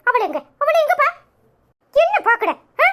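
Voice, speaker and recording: A woman's voice: very high-pitched, sing-song, moderate pace, background noise. A woman voicing an upset young daughter in a cartoon who scolds her father and keeps pressing him with accusing questions. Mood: scolding. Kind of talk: cartoon voice acting.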